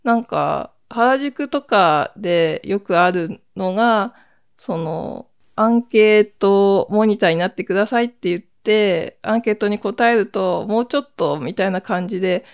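Solo podcast host: woman, mid-pitched, smooth and clear, rambling conversational chat with side remarks. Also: unhurried. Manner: chatty, rambling with frequent asides.

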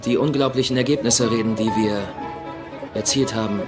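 A man's voice: medium pitch, steady tone, normal speed, natural voice. Earnest best friend played by a man, music underneath. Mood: polite, businesslike. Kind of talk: German TV comedy-drama dub acting.

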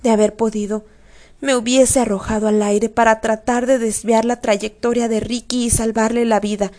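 Woman reading a story out loud, kinda high voice, steady. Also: normal speed. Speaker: audiobook narrator. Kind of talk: first-person storybook narration.

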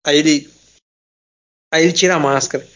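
A man in casual chat with friends, retelling a film as an animated, jokey storyteller full of slang. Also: fairly high pitch, fairly quick, a crowd in the background.

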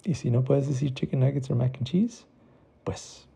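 A man's voice: medium pitch, moderate pace, gravelly, mellow, slightly rough, full character voice. A man voicing a playful father who teases his son in a told bedtime story. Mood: teasing. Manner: mock-stern, teasing.

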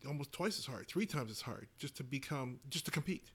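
A man's voice: medium pitch, lively intonation, a little fast, fairly bright tone, slightly rough. A man, a former basketball coach from Canada, reflecting in a casual conversation with many fillers.

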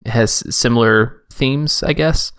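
A man co-hosting a podcast, chatting casually and rambling with many halting restarts. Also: mid-range voice, a bit bright, clean tone. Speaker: podcast co-host. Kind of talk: casual chat.

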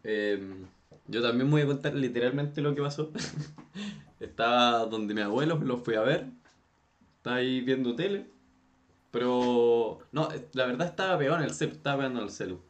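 A young man in his teens with a Chilean accent, telling a story in a casual chat, expressive and acting out what others said. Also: medium pitch, normal speed. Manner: expressive, acts out quotes, laughs. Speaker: podcast co-host.

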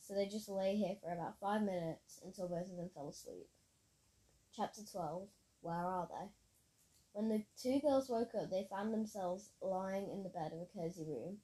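A woman's voice: mid-range voice, dark tone, rough recording. A woman reading her own story aloud in a plain storytelling manner, with occasional slips. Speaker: narrator.

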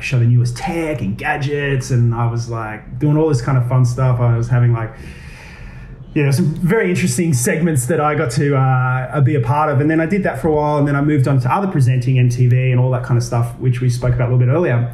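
A man's voice: mid-range voice, mellow. An Australian man from the Gold Coast, a TV presenter, chatting in an interview with many fillers and restarts. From Gold Coast, Queensland, Australia. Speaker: TV presenter and actor. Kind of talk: casual interview chat. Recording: roomy echo.

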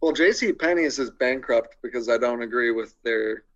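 A young man as a podcast guest, deadpan with crude jokes and hesitant with many ums. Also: mid-range voice, normal speed, dull audio. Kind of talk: casual interview chat.

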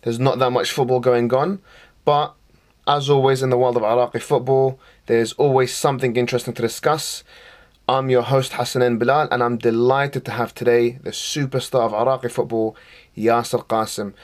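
A man's voice: medium pitch, fairly even intonation, normal speed. Eager man hosting a podcast. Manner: enthusiastic, friendly, informal. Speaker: podcast host.

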